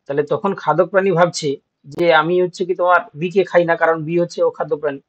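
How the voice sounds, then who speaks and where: A slightly high-voiced man teaches an exam-prep class. He explains step by step and keeps checking that the students follow. The recording sounds dull and lo-fi. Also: fairly even intonation, fast.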